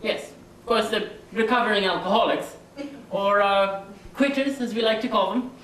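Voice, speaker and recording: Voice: mid-range voice, normal speed, fairly bright tone, lightly acted. A sly, boastful little leprechaun, put on by a performer, talking in a playful lilt on a comedy interview. His voice sounds distant in an echoey room with faint noise behind it. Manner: cheeky, sly, rambling, fond of wordplay. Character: boastful mischievous little male Irish leprechaun. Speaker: interview guest.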